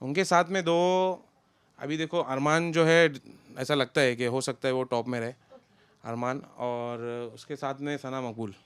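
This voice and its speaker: A man's voice: mid-range voice, a little slow, clean tone, no echo. A young man, chatting loosely as an interview guest about a friend. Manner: relaxed, talks in loose run-on sentences. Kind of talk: casual interview chat.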